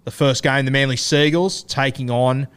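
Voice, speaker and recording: A man's voice: mid-range voice, steady tone, moderate pace, a bit bright, smooth. An Australian man hosting a sports podcast in a casual, broad, slangy, blokey style. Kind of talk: casual fantasy rugby league chat.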